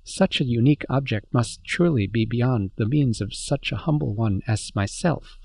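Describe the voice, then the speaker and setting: A man's voice: mid-range voice, normal speed, creaky, darkish tone, no room sound. A man voicing a polite, formal insectile alien shopkeeper who speaks in flowery, self-effacing phrases. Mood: ceremonious.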